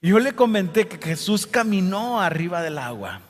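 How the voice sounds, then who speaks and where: A man's voice: high-pitched, very animated, moderate pace, long reverb tail. A male pastor delivering a sermon, dramatically acting out scripture quotes.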